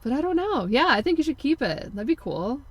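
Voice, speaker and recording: A woman's voice: sits high, sing-song, brisk, dry recording. A young woman co-hosting a podcast in casual, playful banter, laughing often. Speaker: podcast co-host. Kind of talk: casual chat.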